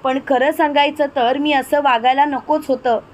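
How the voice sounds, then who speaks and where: A woman's voice: high voice, fairly even intonation, moderate pace, lightly acted. A woman voicing a proud, defiant young woman who speaks firmly and insistently. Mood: earnest.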